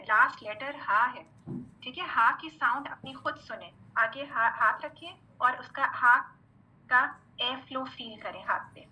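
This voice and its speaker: A woman teaching Quran recitation, patient and methodical, drilling letter sounds slowly and checking in with her class often. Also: high voice, pushed and bright, poor audio. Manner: patient, repeats "theek hai" often. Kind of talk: online tajweed lesson.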